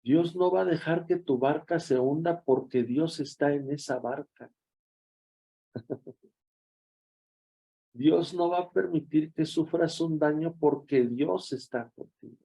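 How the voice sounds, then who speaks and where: A man's voice: a little high, slow, gravelly, long pauses, warm tone, breathy edge, rough recording. A man with a Mexican accent, a pastor giving a devotional sermon in a conversational, storytelling way.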